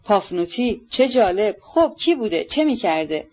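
A woman voicing a haughty, irritable older noblewoman who fires sharp, impatient questions, on a dull lo-fi recording. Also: medium pitch, very animated. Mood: imperious.

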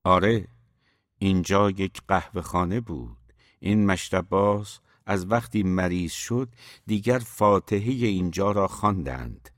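Man reading as a gruff old man, curt replies, very low voice, dry sound. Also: no echo, close to an everyday voice. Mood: terse. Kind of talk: audiobook reading.

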